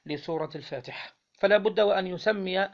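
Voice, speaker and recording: A man with an Egyptian accent teaching Islamic law, reading a legal text aloud and then explaining it, often pausing to quiz his listeners. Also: sits high, dull audio. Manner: reads the text then explains, quizzing listeners with "what?" pauses.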